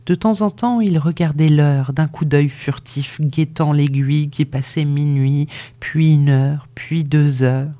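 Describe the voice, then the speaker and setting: A narrator reads a literary audiobook at a very slow, measured pace. The voice often sinks into a hushed whisper. The tone is warm and dark, with a mellow sound throughout. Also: medium pitch, steady tone.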